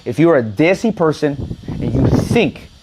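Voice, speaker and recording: A man's voice: a little high, unhurried, noisy background. A man co-hosting a casual chat, telling stories bluntly and with plenty of swearing. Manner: blunt, profane, animated storyteller. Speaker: podcast co-host.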